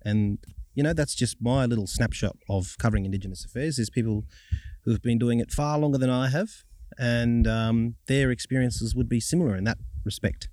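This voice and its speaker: Australian man, thirties, journalist being interviewed: warm relaxed tone, measured phrasing, close dry recording. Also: medium pitch, dry recording. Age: 30s. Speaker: journalist and broadcaster. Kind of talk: reflective interview answers.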